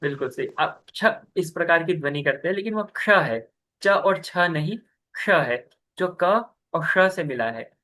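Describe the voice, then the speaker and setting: A young man leads a scripture lesson by video call, walking students through each step with patience and frequently asking "ठीक है" to check on them. He speaks a little slowly, in a slightly high, expressive voice that is bright and forceful.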